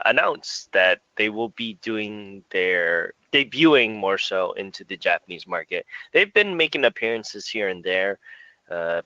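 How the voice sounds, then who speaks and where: Low, bright-toned man chatting casually. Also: dry recording, dull audio. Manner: relaxed, rambling, frequent fillers and chuckles. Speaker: podcast co-host. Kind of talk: casual music podcast chat.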